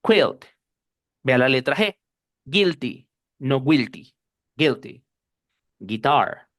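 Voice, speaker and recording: A man's voice: mid-range voice, animated, slow pace, fairly bright tone, no echo, studio quality. A man with a Costa Rican accent teaching pronunciation in an online class, explaining patiently and drilling sounds aloud. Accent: Costa Rican Spanish.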